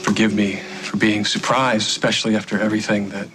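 A man's voice: fairly low pitch, flat delivery, brisk, music in the background, lightly acted, low-quality recording. An actor playing a skeptical father in a daytime soap, sarcastic and challenging. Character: skeptical protective father, sharp-tongued.

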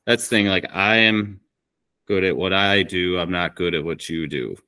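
This podcast guest is a small-business woodworker, a man who sounds about thirty-something, speaking from his small indoor woodworking shop over a video call microphone. His low, sharp-toned voice moves at a moderate pace as he chats candidly and rambles a bit in casual conversation. Slight background noise can be heard.

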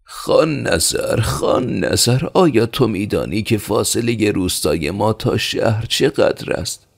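A man voicing a male peasant villager, asking slow pleading questions in a much higher voice than his own. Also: lively intonation, vocal fry, breathy edge, exaggerated voice.

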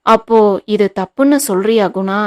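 A woman voicing a stern, sharp-tongued older mother-in-law who scolds in cutting retorts, in an audiobook reading. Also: medium pitch, moderate pace, lightly acted. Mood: firm.

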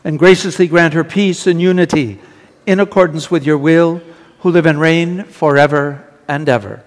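A man leading the liturgical prayers of a Mass in a slow, measured intoning voice. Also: on the high side, steady tone. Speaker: priest celebrating Mass. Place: large church with long reverb. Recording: reverberant church hall.

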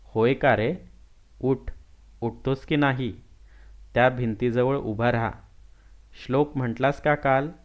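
A man voicing a strict village father with a quick temper who questions his son sharply. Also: medium pitch, smooth, lo-fi sound, close to an everyday voice. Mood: angry.

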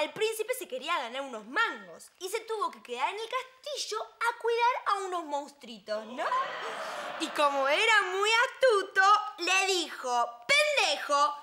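A brassy young Argentine babysitter with a very high, piercing voice. She scolds the children and mocks them with a sharp Rioplatense edge. The sitcom track has a clear layer of noise under it. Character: brash, sharp-tongued young woman working as a babysitter. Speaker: sitcom character. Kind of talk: sitcom acting.

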